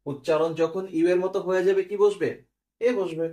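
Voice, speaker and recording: Guy teaching grammar, kinda high voice, keeps asking "clear?". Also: steady tone, brisk, mellow. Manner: explains step by step, asks quiz questions and checks "clear?". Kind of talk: recorded online class.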